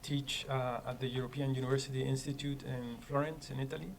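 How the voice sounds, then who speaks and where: A man's voice: mid-range voice, flat delivery, fairly quick, vocal fry, a little hiss or hum. A man from Chile, a law professor, introducing his work thoughtfully with restarts and fillers. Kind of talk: panel self-introduction.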